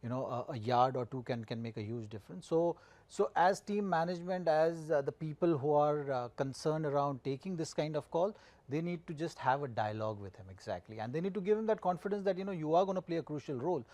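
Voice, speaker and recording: A man analysing cricket as a pundit, circling his points haltingly with repeated phrases. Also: fairly high pitch, animated, a little mellow, no echo. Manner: halting, repetitive phrasing with frequent "you know". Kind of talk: studio match analysis.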